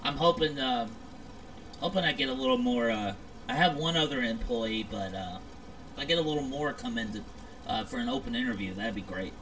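A man's voice: mid-range voice, brisk, fairly bright tone, low-quality recording. A man making friendly, polite small talk in character during a casual online game role-play. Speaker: player acting as a pizzeria owner. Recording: clear background noise.

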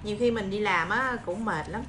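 A woman's voice: medium pitch, a little fast, a bit bright. Southern Vietnamese woman chatting over background noise. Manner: encouraging, reassuring. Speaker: livestream host. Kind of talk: casual chat to viewers while eating and preparing fruit. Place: small room indoors. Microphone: phone propped at arm's length. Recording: clear background noise, phone video.

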